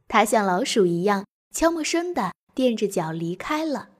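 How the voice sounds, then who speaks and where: Young woman storyteller, breathy voice, lively bedtime reading for kids. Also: medium pitch, moderate pace. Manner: gentle, expressive reading for children.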